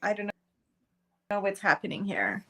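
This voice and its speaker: A woman's voice: mid-range voice, big pitch swings, a little slow, bright, forceful tone, a little hiss or hum. A dog trainer joining a live stream by video call, her voice distant and her audio repeatedly cutting out as she asks whether she can be heard. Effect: audio dropping out on a video call.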